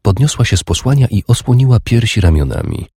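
Casting: a deep, raspy male narrator reading slowly and intimately, dry studio sound. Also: huge pitch swings, mellow, no room sound. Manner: slow, measured, sensual reading. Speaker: audiobook narrator. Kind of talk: scripted narration.

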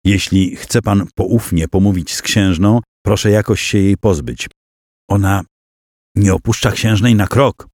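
A man voicing an anxious young court lady who warns in a hushed voice in an audiobook. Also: lowish voice, a little slow, dry recording, clean studio sound. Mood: warning. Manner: hushed, warning.

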